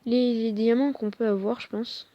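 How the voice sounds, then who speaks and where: A young woman talks casually over a mobile game, hesitant, full of fillers and quick apologies. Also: a little high, steady tone, no room sound, lo-fi sound. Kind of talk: casual gameplay commentary.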